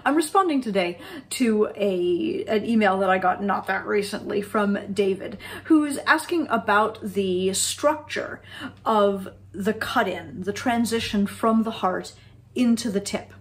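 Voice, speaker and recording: A woman in her forties talks through oboe reed making in a thoughtful, explanatory way, pausing with ums and restarting phrases. Her voice sits at an ordinary middle pitch. She records in a small room at home in front of a desk camera. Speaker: oboe teacher. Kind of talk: instructional video.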